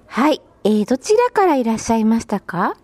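A woman's voice: on the high side, sing-song, a little fast, a little mellow, dry recording. A woman hosting a radio interview show, formal, courteous and encouraging as she asks her guest questions. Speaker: radio host.

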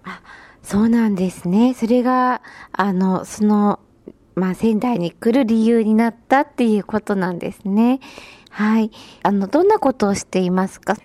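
A woman's voice: mid-range voice, normal speed, dark tone, no echo. A woman hosting a radio interview show, formal, courteous and encouraging as she asks her guest questions. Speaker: radio host.

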